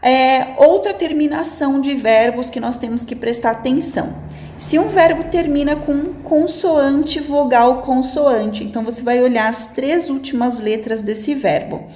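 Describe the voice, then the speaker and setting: A woman's voice: high voice, measured pace, dark tone, roomy sound. A woman English teacher patiently explaining grammar rules in a lesson, often checking in with her listeners.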